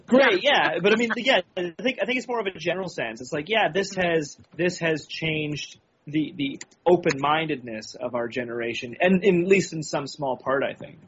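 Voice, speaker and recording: A man's voice: fairly high pitch, lively intonation, normal speed, few pauses, fairly bright tone, a little hiss or hum. A man musing thoughtfully and hedging his points in a casual group chat. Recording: dull lo-fi recording.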